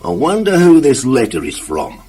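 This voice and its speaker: A man's voice: mid-range voice, wildly swooping pitch, normal speed, dark tone, husky. A man voicing a clumsy, cheerful, hapless little storybook fellow who bumbles along and exclaims in yelps. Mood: pondering.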